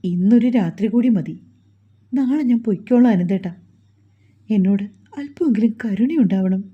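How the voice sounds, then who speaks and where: A woman voicing a gentle, sorrowful young woman in a storybook reading, tearful and pleading, on a dull lo-fi recording. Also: medium pitch, normal speed, breathy edge, natural voice.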